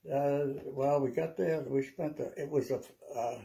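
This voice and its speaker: A man in his nineties, an old veteran remembering his war days in a halting, rambling, conversational way with repeated words. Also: mid-range voice, fairly even intonation, gravelly, dark tone. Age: 90s. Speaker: WWII veteran interviewee. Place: small living room at home, seated.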